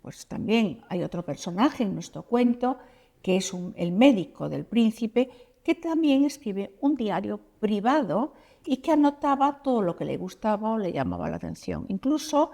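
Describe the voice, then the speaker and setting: A woman from Spain lectures to a room of teachers. Her voice is mellow and warm, and her pitch moves in lively arcs. She lays out each example patiently, one by one. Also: moderate pace, creaky. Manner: explanatory, walking through examples step by step. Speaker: university Spanish teacher presenting to teachers. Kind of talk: conference lecture.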